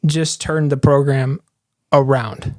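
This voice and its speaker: A man's voice: mid-range voice, fairly even intonation, darkish tone, no echo, studio quality. Man trading playful sports quips. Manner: playful, quick one-line quips. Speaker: co-host. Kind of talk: casual sports chat.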